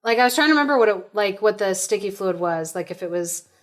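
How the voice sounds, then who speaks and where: A woman's voice: medium pitch, expressive, quick pace. A woman co-hosting a podcast, chatting casually and searching for words as she explains. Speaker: podcast co-host. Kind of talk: casual chat.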